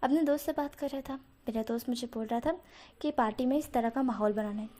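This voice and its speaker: A woman's voice: a little high, a little fast, mellow, lightly acted. A woman doing a possessive gangster boss lover. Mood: doting. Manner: curt with his men, cooing with his lover.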